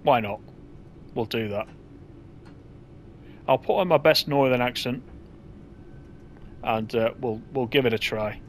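A man's voice: mid-range voice, measured pace, long pauses, slight background noise. A man giving casual, chatty gameplay commentary as he drives a train, thinking aloud in an easygoing way.

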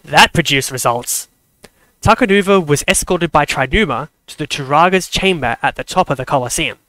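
A man narrates a fan-made story in a steady, measured reading voice. His pitch sits slightly high. The recording is close and dry. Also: dry recording, rough recording.

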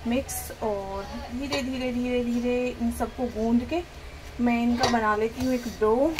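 A woman's voice: a little high, fairly even intonation, a little slow. A middle-aged woman narrating a casual home cooking vlog step by step, talking straight to her viewers from her kitchen. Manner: chatty, step-by-step, addresses viewers directly. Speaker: cooking vlogger. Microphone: phone camera held nearby. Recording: home phone video with clear background noise.

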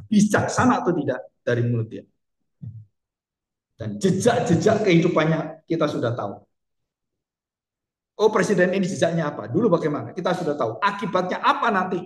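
A man's voice: fairly high pitch, big pitch swings, fairly quick, pauses often, echoey room. A male pastor preaching a sermon emphatically, asking rhetorical questions and speaking straight to the congregation.

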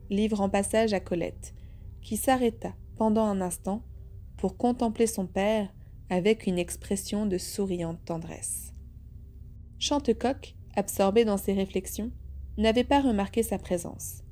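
A woman reading a detective novel aloud in a measured, even way. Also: medium pitch. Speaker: audiobook reader. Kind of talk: scripted narration.

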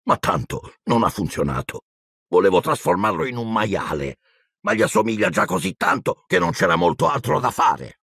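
A man voicing a huge, gruff but kindly male giant gamekeeper in a gravelly, husky voice, slow and folksy. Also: mid-range voice, wildly swooping pitch, fairly bright tone, no room sound, clean studio sound, heavily acted. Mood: sheepish.

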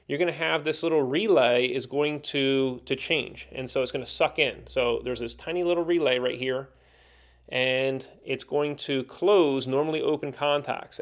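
Instructor, male, 30s, steady hands-on explainer, voice a touch high, lapel mic in a small indoor room. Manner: plain, practical, steady explaining with fillers. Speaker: HVAC instructor. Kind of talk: technical training explanation. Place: indoor training room with whiteboard.

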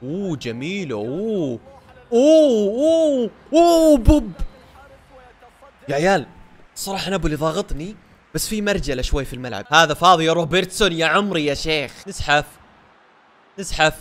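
A young man giving live commentary on his own football video game match, excitable and breaking into shouts over goals. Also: fairly high pitch, fast. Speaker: gaming YouTuber.

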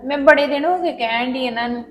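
Talkative sister-in-law, woman actor, Punjabi accent, high pitch. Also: fast, highs cut off, faint music behind, lightly acted. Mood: chatty. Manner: chatty, proud of new phone. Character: talkative married woman visiting neighbors. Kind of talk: Punjabi family drama acting.

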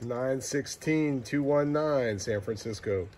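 Male CB operator, unhurried clipped call-outs, mistuned ham radio sound, very noisy signal. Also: mid-range voice. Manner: clipped call signs and place names. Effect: mistuned ham radio, single-sideband. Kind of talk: repeated CB radio calls.

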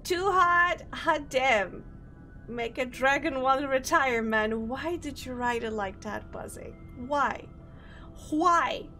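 Her voice high, bright, and forceful, a young woman from Poland greets viewers on her gaming live stream. This VTuber speaks Polish natively, has a Polish accent, and keeps the casual chat bubbly.

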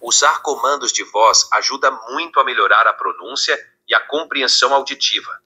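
A man's voice of an AI tutor, speaking patiently and encouragingly, slowing down for the model phrases. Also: mid-range voice, pushed and bright, husky.

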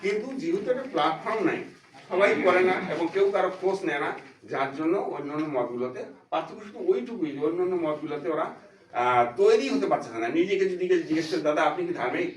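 Fast, earnest preacher in an echoey room. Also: male voice, high-pitched, lively intonation, far from the mic. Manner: earnest, repeats phrases for emphasis. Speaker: religious speaker. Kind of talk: devotional talk.

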